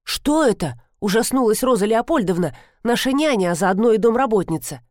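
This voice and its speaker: A woman's voice: animated, brisk, a little mellow, no echo, studio quality. A woman narrating a first-person story as an audiobook, shifting her voice for the characters. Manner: voices characters with pitch jumps.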